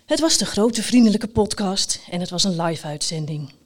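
A woman reads a children's story aloud in a playful, lively way. She uses dramatic pauses and keeps the telling expressive throughout. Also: medium pitch.

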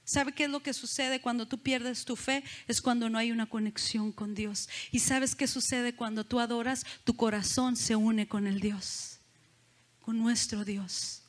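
Slow, high-voiced woman preaching. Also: steady tone. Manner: conversational, asks the congregation questions. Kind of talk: sermon.

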